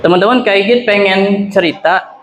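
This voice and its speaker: A man telling stories to children at a live event, leading playful call-and-response, with sudden shouts and silly voices. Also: sits high, moderate pace. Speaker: children's storyteller. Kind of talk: lively storytelling for children at an event. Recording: very echoey hall with background noise.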